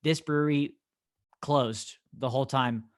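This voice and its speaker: A man's voice: medium pitch, fairly even intonation, a little slow. A young American man co-hosting a casual podcast, talking in an enthusiastic, emphatic way. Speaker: podcast co-host.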